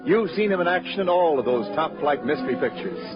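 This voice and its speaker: A man's voice: on the high side, expressive, quick pace. A man announcing a 1940s radio program in an emphatic, declamatory scripted style. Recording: muffled old radio broadcast with music.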